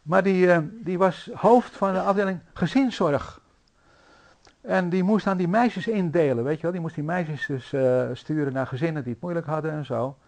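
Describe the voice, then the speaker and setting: A man preaching a sermon in a church, telling stories in a lively, anecdotal way with frequent fillers. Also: fairly high pitch, normal speed. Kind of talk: sermon storytelling.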